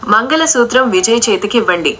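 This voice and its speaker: Woman as a stern older mother-in-law: commanding, harsh, bright. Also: on the high side, lively intonation, brisk. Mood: brisk.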